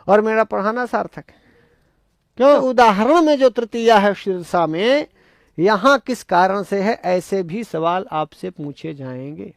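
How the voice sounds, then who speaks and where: High-voiced, gravelly Sanskrit teacher, man. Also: no room sound, clean studio sound. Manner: emphatic, repetitive, rhetorical questions to students. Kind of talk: exam-prep grammar lecture.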